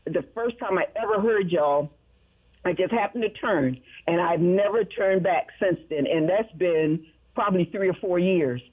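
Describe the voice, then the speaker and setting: A woman's voice: fairly low pitch, normal speed, slightly rough. Overjoyed woman caller on a phone line. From Maryland, USA. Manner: gushing, repeating herself, breathless with excitement. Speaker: radio caller. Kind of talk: excited phone call to radio.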